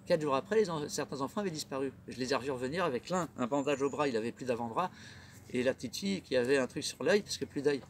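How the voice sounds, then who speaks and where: A man's voice: medium pitch, fast talker, slight background noise. A middle-aged man hosting his own comedy web show, rambling through a theatrical monologue full of rhetorical questions. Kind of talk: casual monologue.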